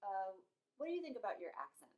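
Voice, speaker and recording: A woman's voice: medium pitch, very animated, fast talker. A woman interviewer casually working through a list of personal questions, phrasing them a little hesitantly.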